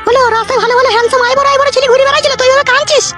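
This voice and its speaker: A squeaky, scolding foul-mouthed mother. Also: fairly even intonation, rapid-fire. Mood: mocking. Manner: scolding, coarse, bossy. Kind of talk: comic sketch dialogue. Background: music.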